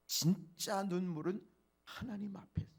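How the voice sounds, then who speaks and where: A male pastor preaching a dawn prayer sermon, swinging from soft low asides to loud emphatic peaks and speaking straight to the congregation. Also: fairly even intonation, unhurried. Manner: preacherly, addresses congregation directly.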